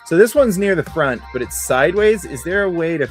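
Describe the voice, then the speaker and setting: A man's voice: on the high side, animated, brisk. A man with a cold hosting a casual livestream, talking in a profane, sardonic, chatty way. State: has a cold. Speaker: livestream host. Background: faint background music.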